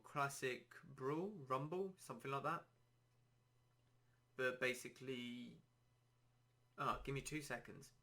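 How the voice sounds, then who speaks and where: A man hosting a casual solo podcast, rambling and self-deprecating, his throat a little dry and hoarse. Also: mid-range voice, pushed and bright. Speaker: podcast host.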